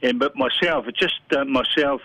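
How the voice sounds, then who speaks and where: An older New Zealand man running for council speaks in a phone interview, his medium-pitched voice pushed and bright at normal speed, with no echo. He's earnest and plain-spoken, searching for words, over a muffled telephone line.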